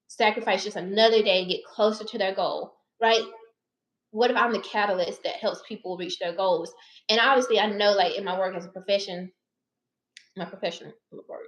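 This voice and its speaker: A woman in her thirties, a therapist running a personal finance channel, chatting casually and directly to her viewers, calling them y'all and baby. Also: medium pitch. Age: 30s. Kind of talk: casual chat to camera. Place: her living room or car. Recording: roomy echo.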